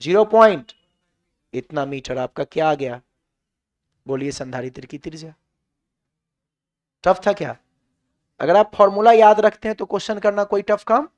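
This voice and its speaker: High-voiced Bihari physics teacher. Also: male voice, normal speed, long pauses. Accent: Bihari Hindi. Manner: questions the class and answers himself, drills points. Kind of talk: classroom lecture.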